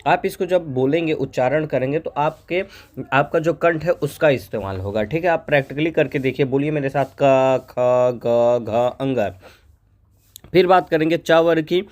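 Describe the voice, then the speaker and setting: A man's voice: a little high, normal speed, a little mellow. A man teaching a Hindi grammar lesson for an exam, asking questions and answering them himself, spelling out letters one by one. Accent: North Indian Hindi.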